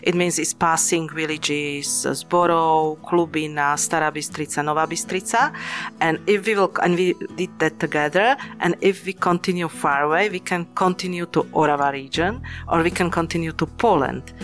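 Low-pitched woman, hesitant guest, faint music behind. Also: moderate pace. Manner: non-native phrasing, hesitant. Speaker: local guest. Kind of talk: podcast interview.

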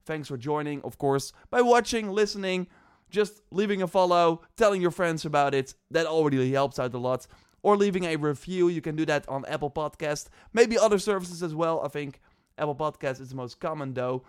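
Chatty podcast host, clear voice. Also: male voice, on the high side, a little fast, dry recording, clean studio sound. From Netherlands. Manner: chatty, loose, many fillers and restarts. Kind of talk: casual podcast chat.

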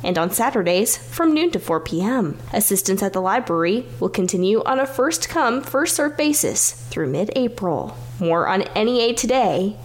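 A woman's voice: mid-range voice, sing-song, normal speed, few pauses. A woman presenting scripted local news in the style of a radio bulletin.

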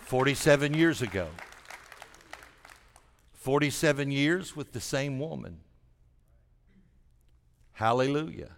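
A man's voice: medium pitch, expressive, unhurried, long pauses, some chatter behind. A man preaching a sermon as a pastor, in a folksy way, repeating phrases for emphasis. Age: 60s. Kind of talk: sermon to a congregation. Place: large church hall during a service. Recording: long hall reverb.

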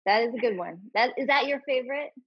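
A woman hosting a casual podcast chat, animated and talkative with lots of "like". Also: fairly high pitch, fast, husky, no echo. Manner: animated, chatty, many fillers of "like". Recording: dry muffled lo-fi line.

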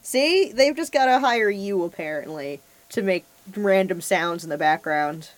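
A woman co-hosting a podcast, chatting in a wry way with quick asides. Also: medium pitch, animated, dry recording. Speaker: podcast co-host. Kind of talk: casual podcast chat reviewing a film.

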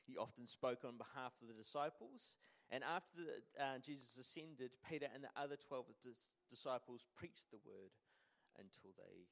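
Male, young adult, New Zealand accent, medium-pitched voice; relaxed lay preacher, unpolished and modest. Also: moderate pace, creaky, rough recording. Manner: hesitant, self-deprecating, casual. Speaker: church speaker giving a sermon. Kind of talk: informal sermon.

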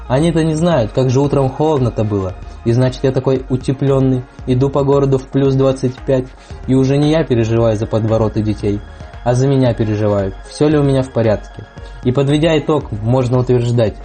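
A man's voice: mid-range voice, steady tone, a little fast, mellow. A young man giving a humorous, anecdotal weather report in a wry way, with music behind. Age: young adult. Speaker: weather correspondent. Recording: music playing under the voice. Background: background music.

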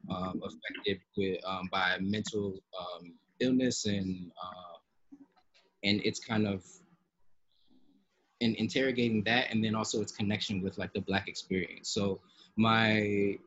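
A man, an artist on a panel, introducing his work in a halting way with many pauses. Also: fairly low pitch, fairly even intonation, a bit bright, slightly rough, dry recording. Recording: dull lo-fi audio.

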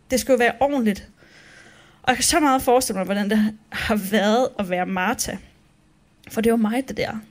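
A woman pastor giving a candid, conversational devotional talk about her own restless thoughts. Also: on the high side.

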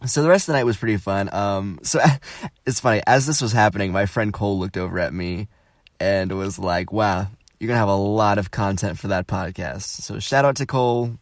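A man's voice: fairly low pitch, moderate pace, no room sound, studio quality. A young man hosting a podcast, telling a casual story and acting out what people said. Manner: animated, quotes people in changing voices. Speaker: podcast host.

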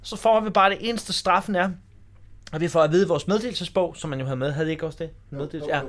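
A man's voice: a little high, a bit bright. A man in his forties telling a school anecdote in a casual chat, acting out the people in the story. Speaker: podcast host.

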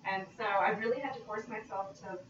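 A woman's voice: mid-range voice, steady tone, fairly quick. A woman, a guest in a casual conversation, chatty and often checking for agreement. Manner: chatty, seeks agreement with frequent "right?". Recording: distant mic in echoey room, dull and noisy.

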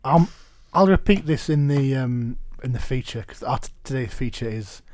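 A man's voice: mid-range voice, animated, normal speed, darkish tone, no echo, clean studio sound. A man co-hosting a casual film news podcast, rambling and self-deprecating, laughing often. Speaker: podcast co-host.

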